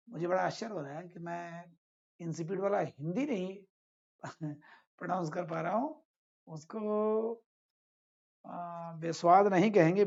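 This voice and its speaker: A man's voice: high voice, gravelly, darkish tone, muffled recording. A man teaching English vocabulary in a casual lesson, repeating each word and its meaning and addressing his students as friends.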